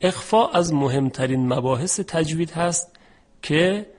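Male tajweed teacher, fairly high voice, patient, slows right down on example words. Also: expressive, darkish tone. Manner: explains patiently, stretches out example words slowly. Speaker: Quran recitation teacher. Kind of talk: tajweed lesson.

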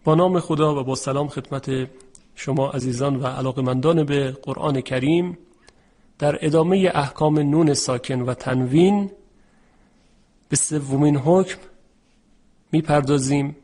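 A man teaching a Quran recitation lesson, explaining rules patiently and drawing out example words slowly. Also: fairly high pitch, warm tone. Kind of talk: tajweed lesson.

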